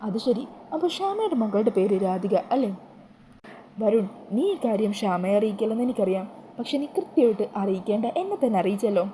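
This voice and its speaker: A woman's voice: medium pitch, animated, a little fast, dark tone, slight background noise, natural voice. A woman voicing a sly, scheming woman in a retold TV serial. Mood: gloating. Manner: gloating, sly.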